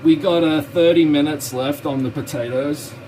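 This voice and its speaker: This streamer, originally from Hong Kong but raised in Australia, wanders from topic to topic as he cooks at a hot stove at home and answers his viewers. His voice is a little high and a touch mellow, with fairly even intonation and normal speed. Slight background noise and poor audio quality come through.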